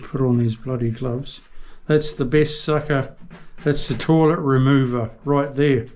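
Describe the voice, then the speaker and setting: A man's voice: medium pitch, fairly even intonation, darkish tone, a little hiss or hum. A middle-aged man with an Australian accent, chatting casually as he shows a tiling job. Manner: chatty, slow, folksy Aussie slang. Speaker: tiler. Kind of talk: casual how-to video.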